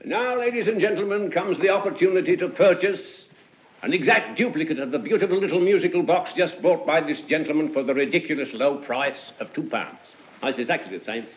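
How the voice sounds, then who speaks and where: An actor playing a chatty, hustling auctioneer, in theatrical, repetitive sales patter from 1940s film acting. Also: male voice, a little high, brisk, close to an everyday voice. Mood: cajoling. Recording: muffled 1940s film soundtrack, music behind.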